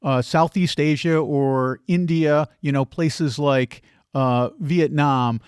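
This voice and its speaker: A man hosts a podcast, speaking in a friendly, well-measured way as he introduces his guest and asks questions. His voice sits a little high for a man. The sound is dry and close to the mic. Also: steady tone, smooth, no room sound. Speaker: podcast host. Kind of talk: podcast interview.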